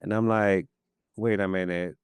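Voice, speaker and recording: Deep and smooth, the voice belongs to a Peruvian man in his fifties, a Spanish-speaking poet who is a guest on a podcast. He talks a little slowly in a casual storytelling interview, rambling with animated energy and frequent restarts, captured in a dry recording.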